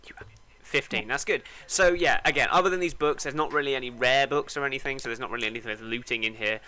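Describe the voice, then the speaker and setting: A man running a tabletop game as game master, describing scenes in a halting, laughing way. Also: mid-range voice, pushed and bright.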